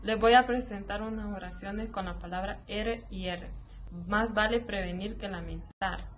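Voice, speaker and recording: A woman's voice: mid-range voice, normal speed. A woman giving a class presentation, reciting syllables and example sentences one by one. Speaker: student presenter. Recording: clear background noise.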